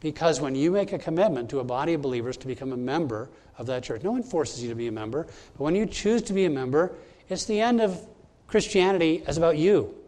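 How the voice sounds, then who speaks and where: A fast-talking pastor with a slightly high, expressive voice and darkish tone preaches at a church service. Emphatic and direct with his congregation, he walks through his points one by one.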